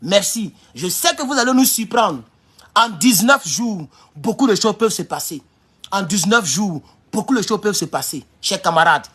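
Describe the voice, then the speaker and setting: A man's voice: sits high, lively intonation, moderate pace, fairly bright tone, breathy edge. A man hosting a livestream, making an impassioned address to his viewers and repeating his rallying calls. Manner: fiery, repetitive, rallying. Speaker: livestream host.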